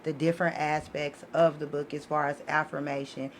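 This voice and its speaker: A woman who wrote a children's book series speaks as a podcast guest in a low voice with little pitch movement at a moderate pace. She's impassioned and conversational, blunt and emphatic, using lots of slang, against a noisy room ambience.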